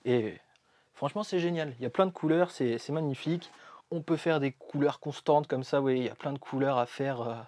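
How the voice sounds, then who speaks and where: A man's voice: medium pitch, brisk, darkish tone. A man chatting casually and enthusiastically to camera while reviewing a toy set, with lots of fillers. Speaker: LEGO reviewer. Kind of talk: casual vlog chat.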